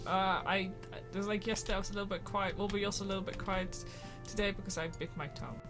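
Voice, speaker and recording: A woman's voice: medium pitch, fairly even intonation, fast, over music. A woman talking casually as co-host of a game stream. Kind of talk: casual chat.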